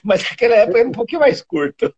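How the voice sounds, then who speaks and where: An older man from the countryside of São Paulo state, Brazil, with a caipira accent, hosts a casual fitness live stream, reading out viewers' towns and chatting with many tag questions. His darkish voice is extremely high-pitched, swinging widely in pitch and racing along. The audio is a muffled, husky online call.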